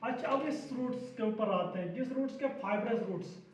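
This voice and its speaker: High-voiced male teacher in an echoey classroom. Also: a little fast. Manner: drills the class with repeated questions and echoes their answers. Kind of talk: classroom lesson. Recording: echoey, distant, dull lo-fi room sound.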